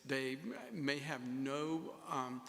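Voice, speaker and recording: A male public health official speaking in a measured, hesitant way at a formal meeting. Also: medium pitch, fairly even intonation, pushed and bright, long reverb tail. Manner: measured, hesitant, many fillers.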